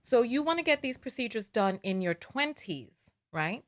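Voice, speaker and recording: A woman's voice: on the high side, big pitch swings, normal speed. A woman hosting a live call-in advice show, earnest and probing, pressing a caller with pointed questions. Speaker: host.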